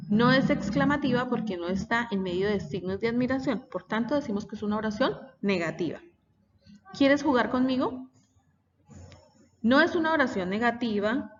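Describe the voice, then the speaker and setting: Woman teacher, patient and clear. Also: fairly high pitch, far from the mic, slight background noise. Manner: patient, explanatory, reading example sentences aloud. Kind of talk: recorded classroom lesson for children. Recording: dull audio with long reverb.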